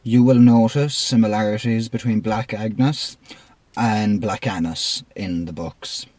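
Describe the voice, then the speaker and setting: A man co-hosting a casual podcast, throwing in dry quick jokes and asides. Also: fairly low pitch, a little mellow, dry recording. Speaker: podcast co-host. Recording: set back from the mic.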